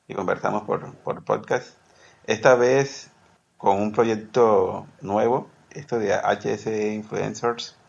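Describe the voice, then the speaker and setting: A man's voice: on the low side, gravelly, lo-fi sound. A man from Peru, a podcast guest who rambles, corrects himself and laughs easily. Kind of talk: casual podcast interview.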